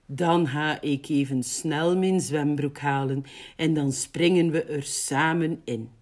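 A woman's voice: sits low, fairly even intonation, takes it slowly, darkish tone. Woman voicing storybook mole, male, friendly, near her own voice.

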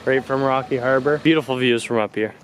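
This is a young male travel vlogger hiking outdoors along trails and coastal lookouts, chatting upbeat to an arm's-length camera in a casual vlog. He speaks at medium pitch with fairly even intonation, a little fast, over slight background noise.

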